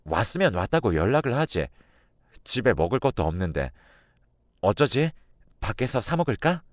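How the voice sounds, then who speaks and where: A man's voice: on the low side, sing-song, normal speed, dry recording, clean studio sound. A man voicing a young wife who sounds evasive and tearful, pleading her case. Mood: flustered.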